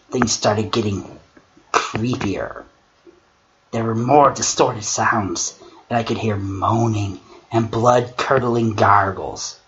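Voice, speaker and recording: A man with a fairly low voice plays a wry male god of struggle, brother of Discord, who acts as a theatrical critic. He reads a creepypasta dramatically and mocks it with deliberate, sarcastic, theatrical commentary. The recording comes from a dull lo-fi mic with clear noise.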